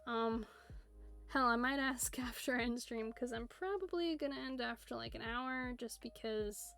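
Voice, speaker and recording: A woman in her twenties with a West Coast American accent chats loosely on her stream from home. Her voice sits a little high and carries a gravelly fry. She rambles and leans on "like" constantly. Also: moderate pace, a bit bright. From United States, Seattle area. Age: 20s. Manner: rambling, filler-heavy talk with many "like"s. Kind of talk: casual chat. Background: faint music playing.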